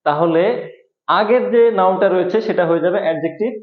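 Guy teaching grammar, goes slow and says every rule twice, kinda high voice, echoey room. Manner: explains slowly, repeating each rule. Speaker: English teacher. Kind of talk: satirical grammar lesson. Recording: echoey room over a thin phone-like line.

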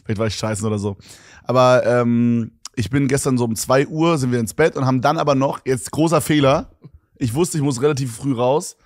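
A young man co-hosts a podcast and tells a long anecdote in rambling, slangy chat. His voice sits at a middle pitch. The recording is dry and close. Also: fairly quick, a little mellow, no room sound. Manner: rambling, slangy, laughs a lot. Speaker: podcast co-host. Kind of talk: casual chat. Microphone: studio podcast mic.

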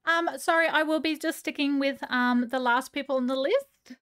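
A bubbly woman live streamer with a high voice, chatting casually, greeting viewers and gushing as she reads chat aloud. Her voice is going a little hoarse. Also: moderate pace, a bit bright.

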